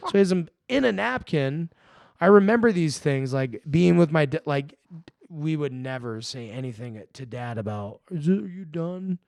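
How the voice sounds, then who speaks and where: A man's voice: fairly high pitch, lively intonation, moderate pace, creaky, a little mellow, no echo. A young man co-hosting a podcast, a little tipsy, rambling and swearing as he tells stories with bursts of laughter. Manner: rambling, profane, laughing storyteller. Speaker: podcast co-host. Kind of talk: casual chat.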